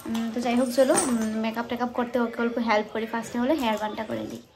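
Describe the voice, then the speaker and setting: Chatty high-voiced young woman vlogging. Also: little pitch movement, very fast, noisy background. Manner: chatty, talks to viewers directly, lowers voice to near whisper while baby sleeps. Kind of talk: casual vlog narration.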